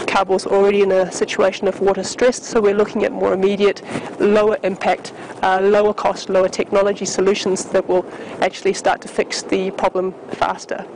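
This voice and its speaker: A man's voice: high voice, monotone, fairly quick, background noise. A man explaining as an interviewed expert on the news.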